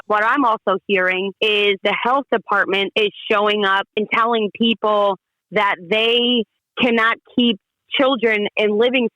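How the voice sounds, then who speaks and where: A woman from Ohio, a volunteer relief organizer, telling her story in an interview in a lively way, acting out what people said. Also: mid-range voice, dry recording, rough recording. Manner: lively storyteller who acts out quotes.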